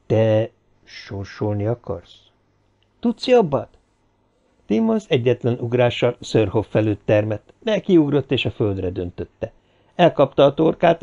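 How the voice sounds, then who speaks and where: Man reading a story, dark mellow voice, muffled lo-fi sound. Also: mid-range voice, sing-song, creaky. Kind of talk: audiobook narration. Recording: dull lo-fi recording.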